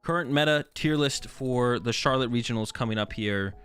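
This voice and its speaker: A young card game streamer chats casually on a live stream in a medium-pitched, fairly bright, clean voice at a moderate pace, with soft music in the background. Laid-back and joking, he rambles through a sponsor read, mocking himself and tossing around dude and bro.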